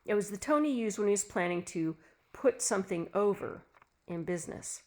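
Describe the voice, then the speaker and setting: Narrator: woman, mid pitch, steady scripted storytelling. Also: normal speed.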